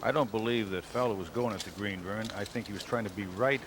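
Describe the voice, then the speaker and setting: A man's voice: fairly low pitch, quick pace. A man giving plain-spoken, conversational golf analysis to a broadcast partner. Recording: crowd and outdoor noise behind broadcast.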